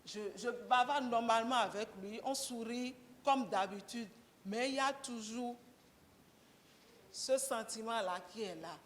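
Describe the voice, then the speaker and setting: A woman, a guest speaker talking candidly and conversationally, with gentle humor, to a breakfast audience. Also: a little high, measured pace, in a large hall. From Benin. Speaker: guest speaker, mechanic and garage co-owner.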